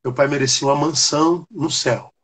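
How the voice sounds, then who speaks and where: A man voicing a gentle old bearded stranger. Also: a little high, steady tone, fairly quick, slightly rough. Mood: consoling.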